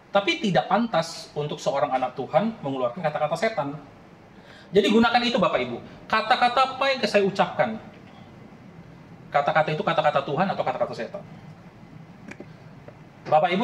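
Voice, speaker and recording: A man in his late thirties preaches a sermon, earnest and conversational, often turning to the congregation. His voice sits a little high for a man. It echoes through a roomy church hall over a faint background ambience. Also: a little hiss or hum. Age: late 30s. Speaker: pastor.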